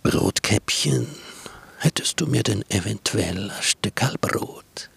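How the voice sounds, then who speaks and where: A man voicing a sly, sneaky wolf in a low, hushed, whispery voice. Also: slow, vocal fry, husky, no echo, exaggerated voice.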